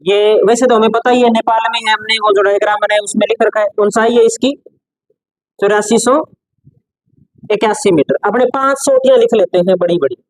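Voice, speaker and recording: Male teacher dictating notes slowly. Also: high-pitched, steady tone, dry recording, rough recording. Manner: repeats key phrases slowly for note-taking. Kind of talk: classroom lecture dictating notes.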